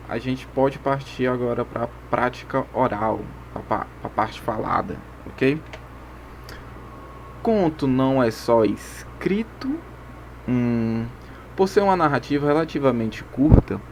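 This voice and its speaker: A man's voice: medium pitch, slight background noise. A male teacher with a Brazilian Portuguese accent gives a recorded video lesson, explaining step by step and often checking in with "ok?" and "tá certo?".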